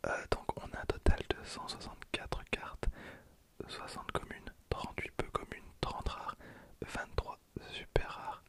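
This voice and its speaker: Speaking a little slowly, the ASMR creator, who is in their twenties, offers soft, breathy whispered comments on card packs while repeating certain phrases under their breath.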